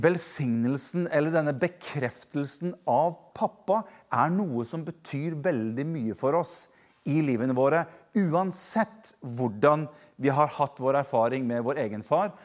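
A man with a slightly high voice preaches in an informal, conversational way. He often restarts sentences and hunts for the right words, and he speaks directly to listeners at home. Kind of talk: conversational sermon.

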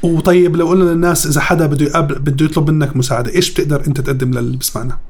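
A man's voice: fairly high pitch, fairly even intonation, racing, a little mellow, slightly rough. A man with a Jordanian Arabic accent hosting a podcast in a casual, conversational interviewing style. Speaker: podcast host.

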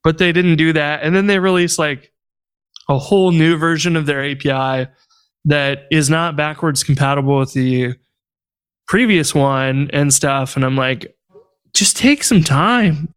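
A man co-hosting a casual tech podcast, telling stories in an animated, exasperated way. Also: a little high, normal speed, clear, resonant tone. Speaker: podcast co-host.

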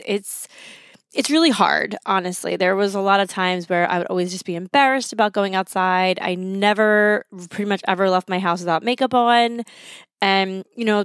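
A woman's voice: medium pitch, smooth, dry recording, clean studio sound. A woman in her thirties hosting a solo podcast, talking in a chatty, conversational way from her home. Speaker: podcast host. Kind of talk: casual solo podcast talk. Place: indoors at home, recorded in a basement.

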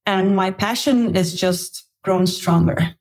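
A woman's voice: medium pitch, takes it slowly, darkish tone. A middle-aged woman from Belgium, a podcast guest, telling her travel story in a chatty way with laughs and restarts. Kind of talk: casual interview storytelling.

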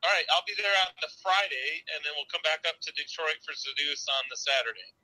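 A man's voice: on the high side, quick pace, sharp tone, no echo, poor audio. A man calling in by phone on speaker, joking and teasing in casual chat. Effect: heard over a phone on speaker.

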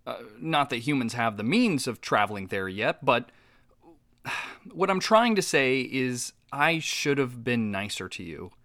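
A man's voice: medium pitch, very animated, a little slow, fairly bright tone, dry recording, studio quality. A man hosting a comedic advice show, talking earnestly and sometimes sounding exasperated. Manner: earnest, exasperated, eager to please.

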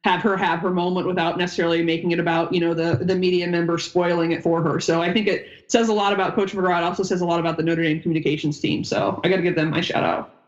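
This woman talks fast with hardly any pauses, in a lowish voice and flat delivery. She's in her thirties, grew up in upstate New York, United States, and used to play and coach basketball; as a podcast guest in a casual interview she's chatty and rambling, trailing off mid-sentence. The audio has its highs cut off.

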